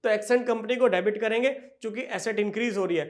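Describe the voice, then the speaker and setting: A high-voiced man lectures on accounting to a class, speaking to the students with fondness. He raises his own questions and supplies the answers, then drags his delivery way down to dictate entries.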